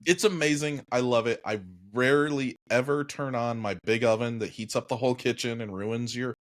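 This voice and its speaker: A man's voice: mid-range voice, fairly even intonation, moderate pace. A man co-hosting a casual podcast, emphatic and wry, talking into a podcast microphone. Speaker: podcast co-host.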